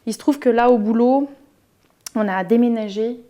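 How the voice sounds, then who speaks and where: A woman's voice: fairly high pitch, moderate pace, mellow. A woman in her thirties frankly chatting about her handbag's contents, self-mocking. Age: 30s. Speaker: interviewee. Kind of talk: casual talk while emptying her handbag.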